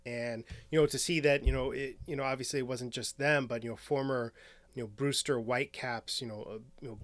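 Halting man in his late twenties. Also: mid-range voice, no room sound. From Northwest Indiana, near Chicago. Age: 20s. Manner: halting, fills with "you know" constantly. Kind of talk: reflective personal monologue.

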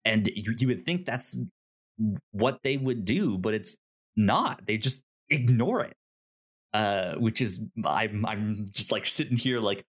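A podcast co-host discussing a TV show speaks slowly in a lowish voice, keeping things casual and off-script. Animated, he acts out imagined conversations and often repeats words and syllables.

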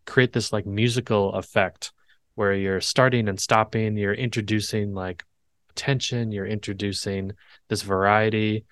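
Low-voiced man hosting a podcast. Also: little pitch movement, a little slow, fairly bright tone, dry recording. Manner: thoughtful, rambling with restarts. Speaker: podcast host. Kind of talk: casual interview chat.

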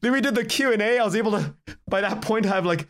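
A Canadian man with a high, fast, slightly bright voice tells stories casually as a podcast guest. He's chatty, acts out the dialogue he quotes, and chuckles as he talks in this animated interview.

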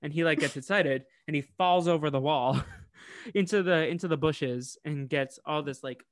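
A man's voice: fairly high pitch, moderate pace, no room sound, clean studio sound. An American man co-hosting a podcast, recapping an episode in casual chat and acting out the characters' lines. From United States. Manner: animated, acts out character lines. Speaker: podcast co-host.

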